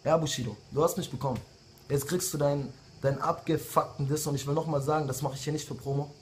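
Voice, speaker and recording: A man's voice: fairly high pitch, fairly even intonation, fast talker, slight background noise. A man in his late twenties, a rapper delivering a heated, insulting diss message straight to his rivals. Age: late 20s. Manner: heated, insulting rant with repeated jabs. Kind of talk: angry diss video message.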